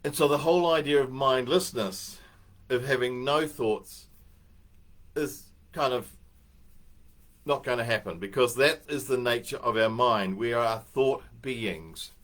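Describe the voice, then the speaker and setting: A man's voice: mid-range voice, measured pace, fairly bright tone. An older man, giving a casual, anecdotal talk as host, rambling a little and chuckling at his own story.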